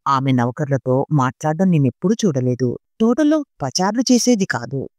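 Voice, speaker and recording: A woman narrating an audiobook story reading in an expressive storytelling manner. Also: on the low side, dry recording, clean studio sound.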